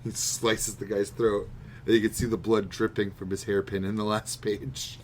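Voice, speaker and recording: The audio is poor, with noticeable background noise, as a man with a fairly low, flat-pitched voice talks at normal speed. Co-hosting a podcast, he banters casually about manga with wry sarcasm and plenty of profanity.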